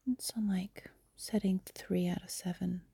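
A young adult woman whispering softly and confidingly into a phone while lying in bed. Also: on the low side, steady tone, no room sound. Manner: soft breathy whisper, unhurried and confiding. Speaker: amateur audio creator. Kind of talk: whispered intimate audio diary. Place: in bed, lying on her side. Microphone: phone held close.

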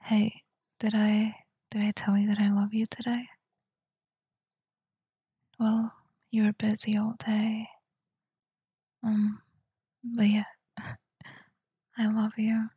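A woman whispering softly in a tender, soothing ASMR roleplay, speaking close to the mic. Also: mid-range voice, monotone, dry recording. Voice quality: breathy whisper. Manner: soft, tender and soothing, slow murmurs. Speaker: girlfriend roleplayer.

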